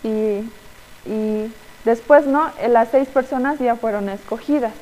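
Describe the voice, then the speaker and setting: A young woman, teaching children and telling a story in a halting way, with many fillers and tag questions. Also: fairly high pitch, a little mellow, big-room sound, low-quality recording. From Bolivia. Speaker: children's Sunday school teacher.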